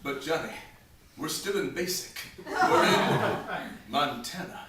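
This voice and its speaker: A man plays a bumbling, folksy war buddy, earnest and tactless in a comedy drama. The high voice is distant and very echoey, over clear noise. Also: lively intonation, slow. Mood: earnest, clueless. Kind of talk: comedic stage-style drama, old war-film dialogue. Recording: very echoey, distant mic, noisy with clicks.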